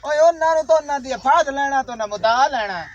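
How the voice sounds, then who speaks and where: Brief: comic actor, high voice, bossy and scolding, steady hiss behind. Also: male voice, fairly quick, dull audio. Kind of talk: village comedy sketch.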